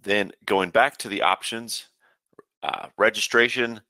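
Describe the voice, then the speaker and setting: A man giving a casual webinar walkthrough of a program as a software trainer, talking steadily with frequent "uh" fillers. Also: fairly low pitch, fairly even intonation, a little slow, no echo.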